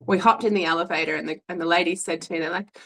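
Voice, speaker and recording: Aussie woman in her 40s, lowish voice, chatty and frank, lots of restarts. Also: steady tone, racing, sharp tone, poor audio. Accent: Australian. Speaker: interviewee telling her story. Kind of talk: candid personal storytelling.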